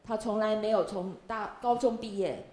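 A woman interpreting a sermon phrase by phrase, speaking in quick chunks with frequent filler sounds. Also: mid-range voice, warm tone. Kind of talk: consecutive interpreting at a church talk.

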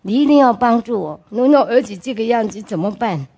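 Fairly quick and animated, a woman with a warm voice on the high side shares her personal testimony at church. She speaks with earnest emphasis, frequently asks listeners direct questions, and drops in English words.

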